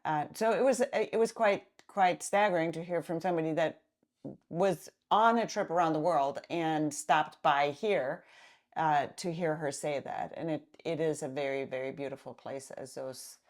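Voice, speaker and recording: A woman in her fifties co-hosts a podcast with a lowish voice. She chats at an easy pace, often pausing on a drawn-out "uh". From Denmark. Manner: unhurried, with many filler "uh"s. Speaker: podcast co-host. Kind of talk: casual chat.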